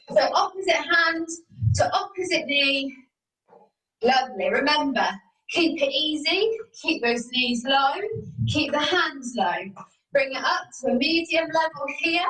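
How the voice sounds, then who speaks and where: A woman's voice: sits high, pushed and bright. A young woman teaching a live exercise class from home over a video call, encouraging and cueing each move step by step. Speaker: fitness instructor. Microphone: video call from a laptop or phone camera. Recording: roomy video call audio from a distance.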